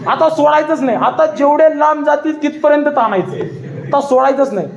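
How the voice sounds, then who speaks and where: A man's voice: very high-pitched, brisk, highs cut off, pitched above the performer's own voice. A man voicing a stubborn, blustering male Mughal general, commanding and exasperated, within a lecture. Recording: echoey hall.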